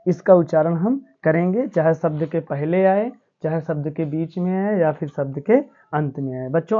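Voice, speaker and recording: A woman teacher explaining English spelling rules to students in a patient, repetitive classroom manner. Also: medium pitch. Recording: tinny phone-like audio.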